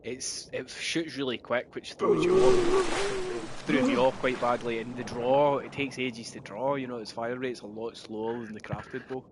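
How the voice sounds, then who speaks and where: A man's voice: medium pitch, expressive, unhurried. A man chatting casually while playing a game, rambling and dropping "you know what I mean" into every thought, talking through a gaming headset. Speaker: gamer chatting during play. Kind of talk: casual chat. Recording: noisy headset chat recording.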